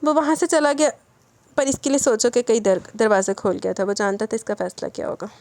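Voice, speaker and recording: Audiobook narrator, woman, brisk steady read, dry booth. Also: fairly high pitch, no room sound. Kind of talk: audiobook reading of a romance novel.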